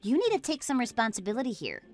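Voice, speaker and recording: A woman's voice: on the high side, huge pitch swings, fast, soft background music. A woman voicing an indignant young woman who bickers with her partner in a text-story narration. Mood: bickering. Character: whiny defensive young woman, cafe co-owner.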